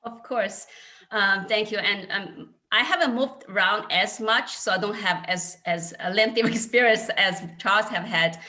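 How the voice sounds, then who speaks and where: Her voice at medium pitch and a little slow, a Chinese woman in her thirties speaks with a bright, forceful tone and a Chinese accent. She's an accounting panelist on a video call, telling stories earnestly and openly in casual panel talk.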